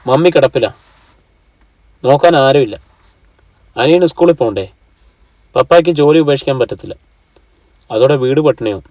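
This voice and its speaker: A man's voice: medium pitch, darkish tone, no echo, recorded from a distance, natural voice. A man voicing a frustrated young man who bluntly demands an answer from his fiancée over the phone, in an audiobook reading.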